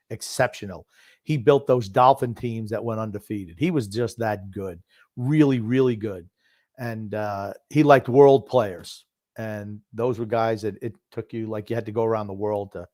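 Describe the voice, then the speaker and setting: A man's voice: lowish voice, darkish tone, dry recording. Opinionated older man talking sports, dry close sound. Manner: reminiscing, repeats phrases for emphasis. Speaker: sports talk show host known as the grumpy old man. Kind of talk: casual opinionated sports commentary.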